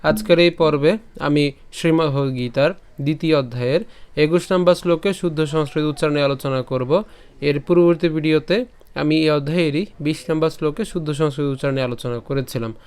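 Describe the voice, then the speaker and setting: A man leads a recitation lesson, chanting each verse slowly before taking it apart syllable by syllable and checking in with the listener. His voice is smooth and resonant and sits a little high for a man. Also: a little mellow. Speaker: scripture teacher.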